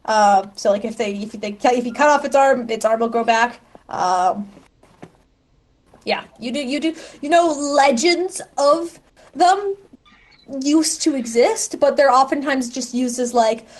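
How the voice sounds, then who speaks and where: A woman game master narrating a tabletop game casually, halting and rephrasing as she thinks aloud. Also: high-pitched, expressive.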